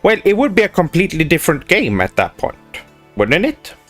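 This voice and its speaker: This young Swedish man is livestreaming, reading chat questions aloud and answering them in a pompous weeaboo persona sprinkled with Japanese words. His voice sits on the high side with a fairly bright tone and wildly swooping pitch, and he talks briskly. He keeps restarting hesitantly with lots of "uh"s, while faint music plays behind him.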